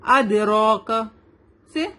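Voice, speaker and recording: A young woman teaching Quran recitation rules, patiently spelling out letters slowly and mixing English into her explanations. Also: medium pitch, bright, forceful tone. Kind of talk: tajweed lesson, slow drilling.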